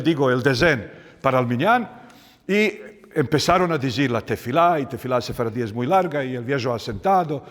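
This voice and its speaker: A man's voice: mid-range voice, dry recording. A man with a Bosnian accent leading a guided tour as a folklorist, telling stories unhurriedly with many restarts. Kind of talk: guided walking tour talk.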